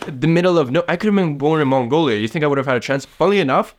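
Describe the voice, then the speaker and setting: A man's voice: on the high side, expressive, racing. A young man in his late teens from the south of Russia, giving casual motivational advice to camera, rambling and swearing often. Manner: rambling, swears often, heavy use of fillers. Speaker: vlogger giving life advice.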